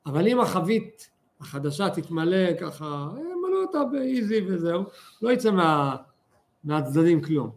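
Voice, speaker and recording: A man teaching a religious lesson with stories, speaking fervently and stretching words for emphasis. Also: high-pitched. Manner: animated, fervent, drawn-out emphasis. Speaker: Torah teacher.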